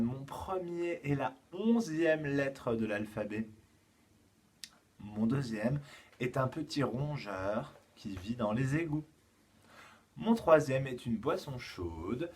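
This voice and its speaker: A man with a French accent, a kindergarten teacher giving a slow, patient home-schooling lesson to young children. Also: medium pitch, slightly rough.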